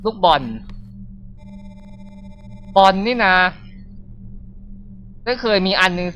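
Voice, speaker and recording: A man's voice: high-pitched, drawn-out words, fairly bright tone, faint music behind. A man giving casual, reactive let's-play commentary on a horror game, with frequent exclamations. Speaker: gaming streamer.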